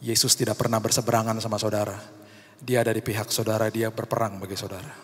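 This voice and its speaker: A man's voice: on the low side, fast talker, slightly rough, long reverb tail. A male pastor preaching a sermon, telling stories and acting out the voices of the people in them. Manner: lively storytelling, acting out the people in his stories.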